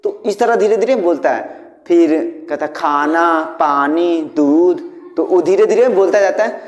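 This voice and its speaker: High-voiced man teaching in an echoey hall. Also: normal speed, warm tone, faint music behind. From India. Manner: explains with homely examples and repeated "theek hai". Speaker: English teacher. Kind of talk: casual spoken-English lesson. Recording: echoey room with long reverb.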